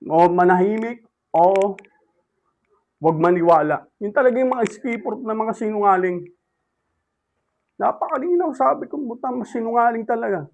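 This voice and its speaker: A man's voice: high voice, expressive, moderate pace, pauses often, a little mellow, lo-fi sound. A man vlogging an indignant, repetitive rant as he recounts an argument about religion. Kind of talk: ranting religious vlog monologue.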